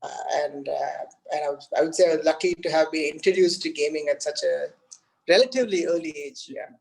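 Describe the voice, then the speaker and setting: Poor audio captures a slightly high, gravelly, somewhat mellow voice from a Tamil-speaking Indian man chatting casually in English with an Indian accent. He's a game developer appearing as a guest. He stumbles along haltingly, restarting often and using plenty of fillers.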